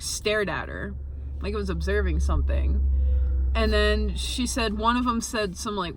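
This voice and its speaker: A young woman with a bright, forceful voice, chatting casually into the camera for her vlog. She tells her story with little giggles between phrases, over a faint hum of background noise. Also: on the high side. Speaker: vlogger. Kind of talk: casual chat.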